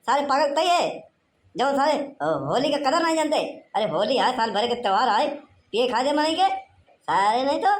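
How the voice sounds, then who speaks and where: Woman voicing a drunk male goon, Awadhi accent, high voice, slurred, rambling, bossy, cartoon. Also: echoey room. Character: drunk boastful male local goon, loud and threatening. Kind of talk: cartoon voice acting.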